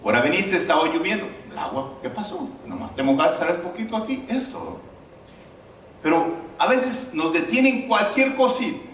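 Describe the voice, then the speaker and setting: A man's voice: high voice, normal speed, slight background noise. A man preaching a sermon in a church, retelling a story with lots of repetition for emphasis. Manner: animated preaching, repeats phrases for emphasis. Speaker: pastor. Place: church hall. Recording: echoey church hall, mic from far off.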